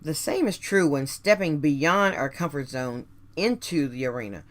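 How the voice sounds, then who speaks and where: Deep-voiced and expressive, a woman hosts a radio show with a scripted motivational monologue aimed directly at listeners. Her phrases are deliberate and forceful, and she uses rhetorical questions.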